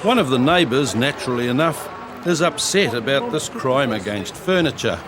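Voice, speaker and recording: A man's voice: medium pitch, animated, normal speed. Wry New male narrator over street noise. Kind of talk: scripted documentary narration.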